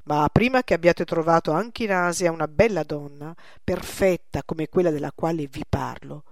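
A woman's voice: sits low, normal speed, darkish tone, dry recording, studio quality. A woman voicing a male painter, coaxing and emphatic. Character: middle-aged male painter, persuasive.

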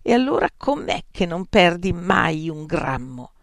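A narrator voicing Arrow, an indignant, sharp-tongued heavy woman who asks cold, cutting questions in a storybook reading. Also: mid-range voice, big pitch swings, unhurried, gravelly, no room sound, clean studio sound. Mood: accusing.

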